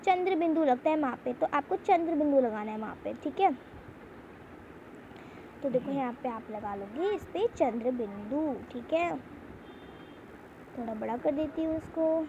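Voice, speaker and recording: A woman's voice: high voice, expressive, measured pace, pauses often. A young woman teaching a Hindi lesson to children online, often repeating points and checking in with "theek hai". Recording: slightly dull home recording, faint hiss.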